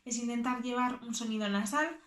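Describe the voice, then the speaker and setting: A woman from teaching a choir vocal lesson, explaining technique slowly and demonstrating sung exercises and animal sounds. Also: on the high side, fairly bright tone, roomy sound.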